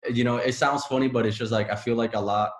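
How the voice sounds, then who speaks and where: A man's voice: mid-range voice, steady tone, quick pace, roomy sound. A man from Puerto Rico whose first language is Spanish, a podcast guest talking casually with many fillers and restarts. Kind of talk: casual conversation.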